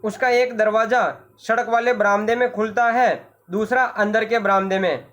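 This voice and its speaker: Teacher walking a class through a text, slow and repetitive, explains word meanings. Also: mid-range voice, steady tone, a bit bright. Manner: explains slowly, repeats and restates word meanings. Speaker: Hindi teacher.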